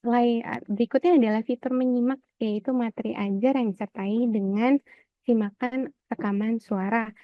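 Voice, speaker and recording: A woman's voice: a little high, steady tone, moderate pace, no room sound. Woman walking people thru an e-book, says eh a lot, kinda muffled dry sound. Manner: frequent "eh" fillers, closes points with "begitu". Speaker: webinar presenter. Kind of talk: explaining an e-book walkthrough.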